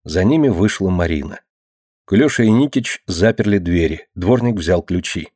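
A man narrating an audiobook in a steady storytelling manner. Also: low voice, normal speed, slightly rough, dry recording, clean studio sound.

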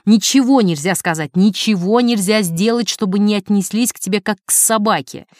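Woman voicing a coaxing husband begging his wife to calm down, dry close mic. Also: mid-range voice, moderate pace, no echo, close to an everyday voice. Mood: outraged. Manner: coaxing, pleading. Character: fawning, pleading husband, a gentleman. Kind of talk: audiobook character reading.

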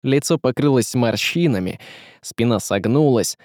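A man reading an audiobook with lively, dramatic storytelling. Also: medium pitch, measured pace, no echo, clean studio sound. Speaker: audiobook narrator. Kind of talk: scripted audiobook narration.

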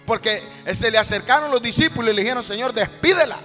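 A man's voice: extremely high pitch, fast, bright, forceful tone. A man preaching a sermon as pastor, repeating phrases with rising fervor. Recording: echoey hall with music behind.

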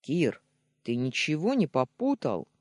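A man's voice: fairly high pitch, wildly swooping pitch, unhurried, dry recording, clean studio sound. A reader voicing a jealous, protective young man who growls short, curt questions. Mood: gruff, jealous.

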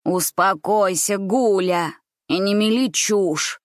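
A woman voicing a scheming old grandmother who talks slowly with false, soothing care. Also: medium pitch, no echo, studio quality, lightly acted. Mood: stern. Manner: slow, soothing, falsely caring.

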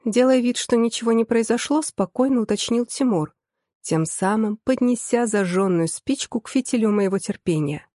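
A woman narrating a first-person novel as an audiobook, in a lively but evenly paced storytelling manner. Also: a little high, normal speed, no room sound, clean studio sound.

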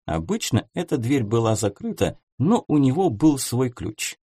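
A male audiobook narrator telling the story in a wry way. His voice is dark and husky. His pitch moves in a lively way, and the dry sound has no room around it. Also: moderate pace, no echo. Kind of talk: scripted narration.

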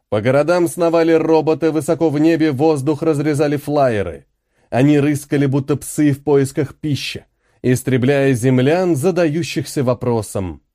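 A man narrating a fantasy audiobook in an expressive, dramatic manner. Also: a little high, no room sound, clean studio sound.

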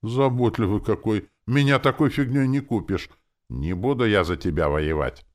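A man voicing a sharp-tongued, proud female demon in an audiobook, snappish and grumbling. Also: on the low side, normal speed, pitched above the performer's own voice, close to an everyday voice. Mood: prickly. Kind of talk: audiobook character voice.

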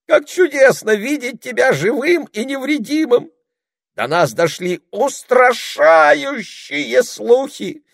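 A man voicing a shrill, pompous male ermine duke in an audiobook, blustering and squealing. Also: gravelly, no echo, clean studio sound, full character voice. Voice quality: piercing squeal, shouting. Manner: theatrical, self-important. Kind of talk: audiobook character voice.

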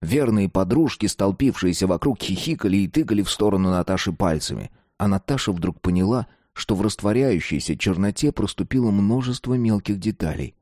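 A man reading a dark story aloud, slow and deliberate. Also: lowish voice, lively intonation, dry recording, clean studio sound. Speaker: narrator. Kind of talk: scripted narration of a dark story.

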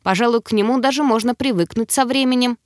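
A woman's voice: fairly high pitch, fast, a little mellow, no echo, clean studio sound, pitched above the performer's own voice, close to an everyday voice. A woman voicing a small, sly male demonic keeper who teases and gloats in a lecherous, wheedling way for an audiobook. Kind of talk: audiobook character voice.

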